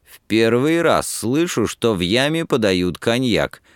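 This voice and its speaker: A man's voice: medium pitch, huge pitch swings, moderate pace, dry recording, clean studio sound, voice pushed up. A man doing an exclaiming jovial student. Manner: exclaiming, warm.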